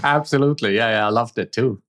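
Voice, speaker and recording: As an interview guest, this middle-aged man from Switzerland answers conversationally, speaking fast in a mid-range, slightly bright voice. He's a native Swiss German speaker with a Swiss German accent.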